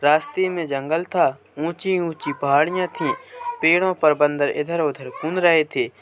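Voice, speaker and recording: A man teaching a Hindi grammar lesson from a workbook, reading passages aloud slowly and answering his own questions as he goes. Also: a little high, steady tone, a bit bright, slight background noise.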